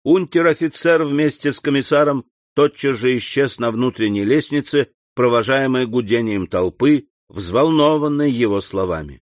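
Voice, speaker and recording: Fields: Sex: man. Role: audiobook narrator. Style: measured narration. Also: medium pitch, no echo, studio quality. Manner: measured, expressive reading. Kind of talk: scripted novel narration.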